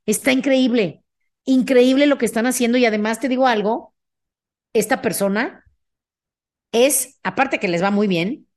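A middle-aged woman with a Mexican accent hosting a motivational podcast, talking emphatically and often checking in with listeners. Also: medium pitch. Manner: energetic, emphatic, often asks "ok?". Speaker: podcast host.

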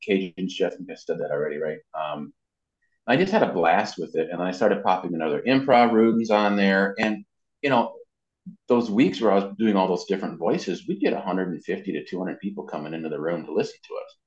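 Speaking at a normal speed in a deep voice, a middle-aged interviewee who does amateur voice acting chats and spins stories. He voices the dialogue he quotes, and the audio sounds dull, roomy and echoey.

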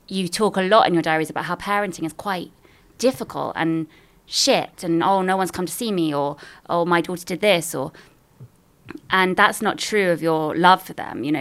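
Bright, lowish-voiced British woman chatting. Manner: frank, conversational, swears freely. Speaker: novelist. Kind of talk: casual intimate chat.

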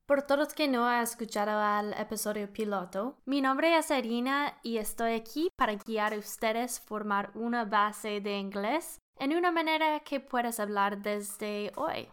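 Slow, clear-voiced woman teaching phrases. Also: on the high side, fairly bright tone. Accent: English-speaking learner of Spanish. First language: English. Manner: slow and careful, models phrases for listeners to repeat. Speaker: language teacher, podcast host. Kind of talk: spoken language lesson.

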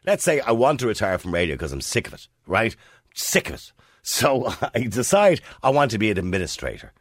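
A man's voice: fairly low pitch, big pitch swings, a little fast, no room sound, studio quality. A man in his fifties with an Irish accent, hosting a talk radio show and putting questions to listeners in a chatty, opinionated way. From Ireland. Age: 50s.

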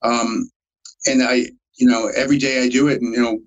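A man's voice: mid-range voice, little pitch movement, brisk, dull audio. A man in his forties, a solo acoustic musician, chatting in a laid-back interview with lots of fillers and laughs, a bit congested from a cold. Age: 40s. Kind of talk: casual interview.

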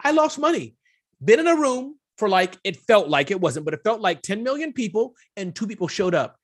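Husky male guest entrepreneur, casual and candid, talks in bursts. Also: high-pitched, brisk. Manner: animated, self-deprecating, lots of restarts. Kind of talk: casual podcast interview.

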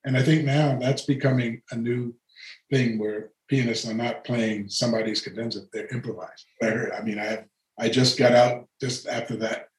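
A man's voice: medium pitch, steady tone, moderate pace. An older man spins long, meandering stories about his past, breaking off to chuckle and starting sentences over. His voice sits in the middle range for a man. The sound carries a noticeable echo, as if he is in a bare room. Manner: rambling anecdotes with frequent laughter and restarts. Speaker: guest, retired orchestral horn player. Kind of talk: relaxed storytelling conversation.

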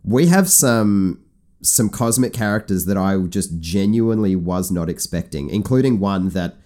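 Excited lower-voiced man chatting games. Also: moderate pace. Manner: enthusiastic, rambling with restarts. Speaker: podcast co-host. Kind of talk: casual chat.

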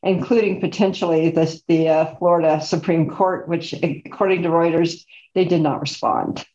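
A woman co-host chatting casually on a video call, talking loosely and slipping in little laughs as she goes. Her voice sits a bit low and comes through roomy and dull, like an echoey space on a lo-fi mic. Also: normal speed, a little mellow. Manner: chatty, laughs mid-sentence. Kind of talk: casual panel chat.

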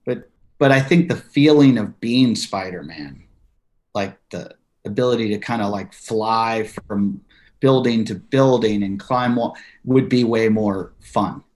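A man's voice: lowish voice, measured pace. A man in his forties, a comedian guest on a podcast, telling stories and acting out quotes. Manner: animated storyteller acting out quotes. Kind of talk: podcast interview.

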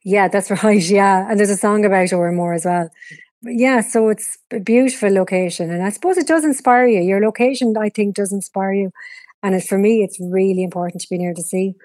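A woman's voice: mid-range voice, brisk, darkish tone, no echo, clean studio sound. A middle-aged woman with a west of Ireland, Galway accent, chatting and explaining as she answers interview questions. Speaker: interview guest, TV producer and presenter.

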